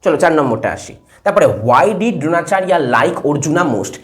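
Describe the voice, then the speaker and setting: A male teacher explains an English lesson step by step, asking questions and answering them himself, and slowing down to spell and read English words aloud. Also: on the high side, lively intonation.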